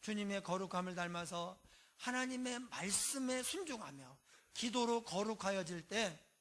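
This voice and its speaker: A pastor delivers a sermon in a conversational manner, frequently adding brief affirmations and moving between loud and soft passages. His voice sits in the mid range.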